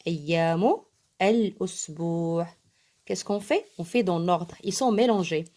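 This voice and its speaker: Woman, patient teacher, emphatic slow explanations, spells letters one by one. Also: mid-range voice, warm tone. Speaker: primary school French teacher. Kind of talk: bilingual lesson explaining an exam.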